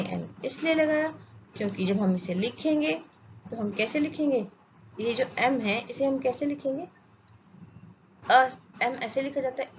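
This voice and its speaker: In a classroom grammar lesson, an Indian-accented woman explains English, posing and answering her own questions while making sure students keep up. Her voice is fairly high, and the dull lo-fi recording carries faint ambience and slight background noise.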